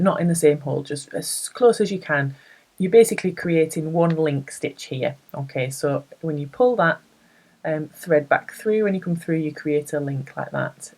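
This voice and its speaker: A woman's voice: low voice, darkish tone, poor audio. A woman with a Northern English accent, chatting casually as she demonstrates embroidery stitches and thinks aloud as she works. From northern England. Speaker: embroidery tutor. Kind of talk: casual craft tutorial.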